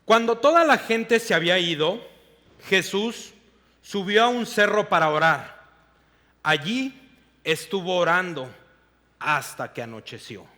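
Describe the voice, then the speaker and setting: A male pastor giving a sermon in a church hall, reading scripture in a slow, deliberate way. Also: high-pitched, lively intonation, sharp tone. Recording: long reverb of a large hall.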